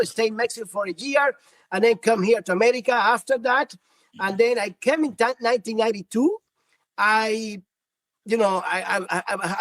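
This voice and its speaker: This physician guest is a man in his fifties from Cuba whose first language is Spanish, and he speaks with a Cuban Spanish accent. On the podcast he gives earnest answers full of restarts, in a very high-pitched, slightly bright voice captured dry.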